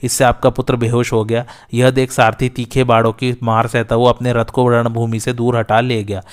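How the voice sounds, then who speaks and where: Man reading an old epic tale, steady and level, smooth resonant voice. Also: medium pitch, moderate pace. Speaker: narrator. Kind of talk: scripted epic storytelling narration.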